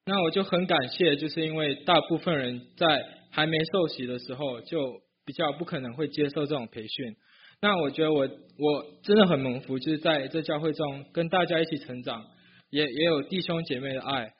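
Young Malaysian-born man, student testimony, earnest, slightly high and husky, dull lo-fi. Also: normal speed. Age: young adult. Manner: earnest, hesitant, with frequent restarts. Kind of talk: personal church testimony.

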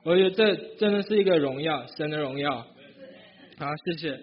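A man's voice: on the high side, brisk, muffled recording, background noise. A young man from Malaysia, a student, giving an earnest personal testimony at church, hesitating and restarting often. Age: young adult.

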